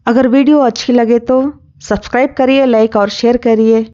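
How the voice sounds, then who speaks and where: A woman teaching Quran recitation, spelling out letters and vowel marks one by one and blending them into words, with brisker plain explanations in between. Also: fairly high pitch, fairly even intonation, warm tone, lo-fi sound. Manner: explains quickly in a conversational teaching tone. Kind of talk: slow syllable-by-syllable spelling drill.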